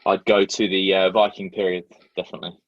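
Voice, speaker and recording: Husky, low-voiced male podcast guest. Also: little pitch movement, quick pace, dry recording, lo-fi sound. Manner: short answers opening with "uh", easygoing. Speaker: podcast guest, personal trainer. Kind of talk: casual interview answers.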